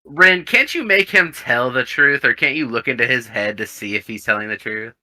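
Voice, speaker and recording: A man's voice: mid-range voice, moderate pace, bright, forceful tone. A man playing a tabletop game, tossing out jokey quips. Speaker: player. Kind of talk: casual tabletop play.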